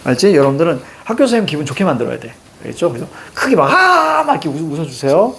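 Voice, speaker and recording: A middle-aged man with a Seoul accent teaching a Korean language lesson, animated and joking with students, repeating cue words. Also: on the high side, very fast. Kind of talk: lively classroom lecture.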